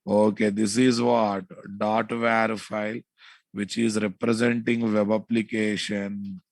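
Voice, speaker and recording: A man's voice: on the low side, level tone, takes it slowly, no room sound. A man with a Telugu Indian accent giving an informal technical lecture as an instructor, repeating himself and often checking that listeners follow. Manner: repetitive, checks understanding often with casual asides. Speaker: programming instructor.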